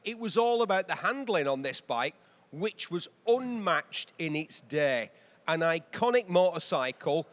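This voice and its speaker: A man's voice: a little high, animated, unhurried, fairly bright tone. A British man giving enthusiastic live commentary as a motorcycle specialist, in emphatic, punchy phrases.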